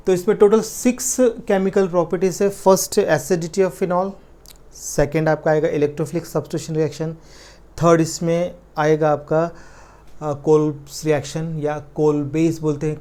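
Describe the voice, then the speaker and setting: A male chemistry teacher, his voice mellow and warm. He walks through reactions step by step, puts a question to the class and answers it himself. He slows right down to spell out formulas. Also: fairly high pitch. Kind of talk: exam-prep chemistry lecture.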